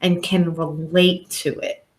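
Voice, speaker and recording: Slow, earnest woman coaching in a roomy space. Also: on the low side, level tone, a little hiss or hum. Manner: earnest, reflective, acts out clients' voices. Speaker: guest life coach. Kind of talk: podcast interview talk.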